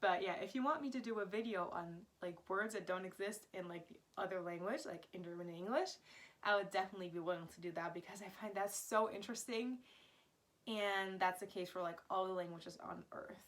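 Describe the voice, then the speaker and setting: Young woman, American accent, casual vlog chat, laughs a lot, lots of "like", bright tone. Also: mid-range voice, a little fast. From Florida, United States. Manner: giggly, laughs often, chatty with many "like" fillers. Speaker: language vlogger. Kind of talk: casual talk to camera.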